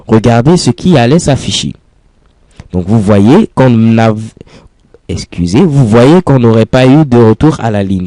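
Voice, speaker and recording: A man with a warm, medium-pitched voice gives a programming lesson in French as a screencast. He goes patiently step by step, repeating key phrases, and the recording is dry.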